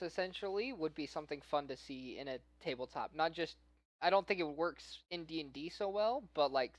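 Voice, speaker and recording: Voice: medium pitch, a bit bright, no echo. Dry-sounding game master, long-winded. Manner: explains at length in long winding runs. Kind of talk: casual podcast chat.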